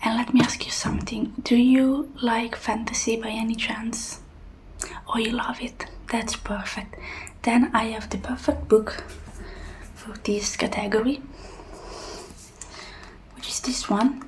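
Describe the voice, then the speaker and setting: A woman in a whispered role-play as a helpful librarian, speaking in a hushed, breathy whisper. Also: a little high, steady tone, measured pace, pauses often, poor audio. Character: helpful soft-spoken female librarian suggesting books.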